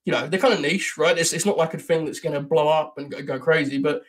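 A man's voice: fairly high pitch, fairly even intonation, fast. A British man, a podcast guest, chatting casually in a rambling, self-deprecating way. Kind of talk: casual chat.

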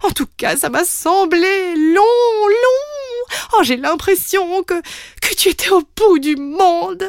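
A woman's voice: very high-pitched, expressive, takes it slowly, dry recording, clean studio sound, pitched above the performer's own voice, heavily acted. A woman voicing a mother who gushes tearfully over her child in a storybook tale. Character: emotional mother reunited with daughter.

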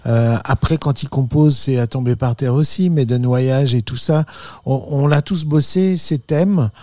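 A man's voice: mid-range voice, unhurried, mellow, no room sound, studio quality. A male musician guest chatting casually in colloquial, slangy speech, full of admiration. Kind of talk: casual chat.

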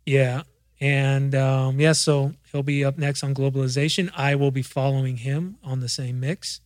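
A man's voice: mid-range voice, steady tone, moderate pace, darkish tone, dry recording, clean studio sound. A man hosting a DJ podcast in casual chat, loose and profane, often restarting his words. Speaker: podcast host and DJ.

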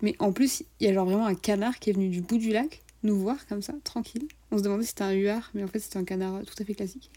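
A woman's voice: mid-range voice, fairly even intonation, fast talker, few pauses, mellow. A young woman co-hosting a travel podcast, recounting the trip in enthusiastic, slangy casual chat. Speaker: podcast co-host.

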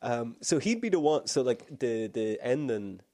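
A man's voice: mid-range voice, sing-song, measured pace, dark tone, no echo, clean studio sound. A man in his thirties in a casual comedic chat, rambling and jokey, laughing often and restarting his sentences.

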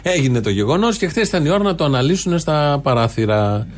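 A man's voice: fairly high pitch, big pitch swings. A man co-hosting a satirical show, chatting casually in a sarcastic, mocking way. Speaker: co-host.

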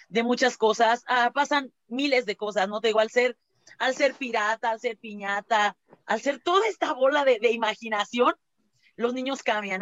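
This interview guest, a laughter doctor with a Mexican accent, tells stories with lots of energy, acts out what people said, and sprinkles in fillers and tag questions. Her fairly high voice comes through a lo-fi recording without any room sound.

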